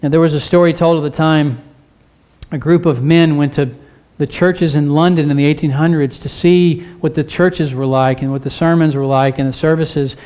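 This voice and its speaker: A man's voice: on the high side, steady tone, normal speed, darkish tone, clean tone. A male pastor preaching a sermon in a church, urging listeners with repeated phrases and questions to the congregation. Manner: earnest, repetitive exhortation with rhetorical questions.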